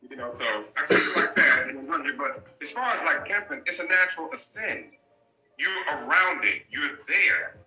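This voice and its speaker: A man speaks as a guest in a candid interview, with a forceful, bright edge and a slightly high pitch. He talks bluntly and hammers his points home by repeating them. The room gives his voice a noticeable echo. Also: expressive, moderate pace. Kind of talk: candid storytelling.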